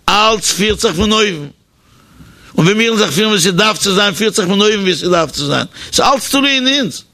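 Man, high gravelly voice, animated sermon storyteller with a hesitant, repeating delivery. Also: a little fast. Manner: animated storytelling, changing pitch for the people in the story; hesitant, with repeated words and fillers.

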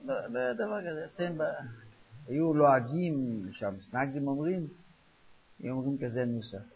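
An older man speaks informally to listeners as a rabbi, emphatic and repeating phrases for weight while mixing in Yiddish-style German. His fairly high voice has lively intonation and a creaky, breathy edge, captured on a dull, lo-fi recording.

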